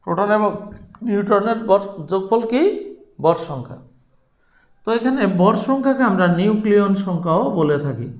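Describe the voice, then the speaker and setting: A man's voice: high-pitched, lively intonation, normal speed. A man teaching a chemistry lesson to students, posing questions and answering them himself and repeating key terms. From Bangladesh. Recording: roomy echo.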